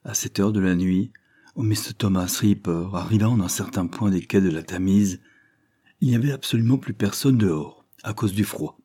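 Low, husky male audiobook narrator. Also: mellow. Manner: measured storytelling.

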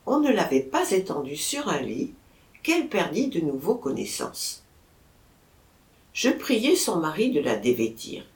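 A woman narrating a first-person story aloud in a measured, expressive way. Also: fairly low pitch. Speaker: audiobook narrator. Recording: roomy echo.

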